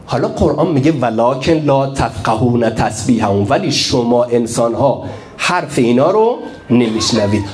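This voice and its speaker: A man preaching a religious sermon to a seated crowd, animated, asking rhetorical questions and acting out quoted voices. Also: mid-range voice. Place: outdoors on grass.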